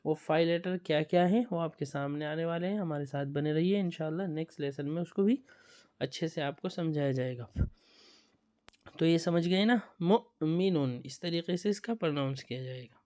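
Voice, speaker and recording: A man's voice: fairly high pitch, darkish tone. A man teaching Quran recitation rules in an online lesson, patiently repeating points and checking that students follow. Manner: patient, repetitive, checks understanding with tag questions. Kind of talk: online lesson explaining on-screen examples.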